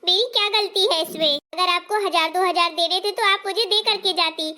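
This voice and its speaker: A woman's voice: extremely high pitch, fairly even intonation, normal speed, pushed and bright. A woman voicing a meek young daughter-in-law in a cartoon family story, who defends herself in a plaintive way. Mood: hurt, defensive.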